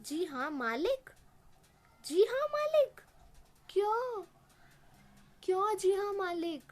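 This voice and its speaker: A woman playing a furious shouting employer. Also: high voice, lively intonation, moderate pace. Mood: angry shouting. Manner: loud, trembling, shouting. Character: angry male employer shouting at maid.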